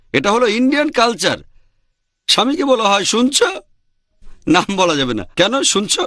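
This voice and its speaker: Lively high-voiced lecturer, a man. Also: dry recording, studio quality. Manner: emphatic, repeats points. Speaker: Islamic lecturer answering questions. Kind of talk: question and answer lecture.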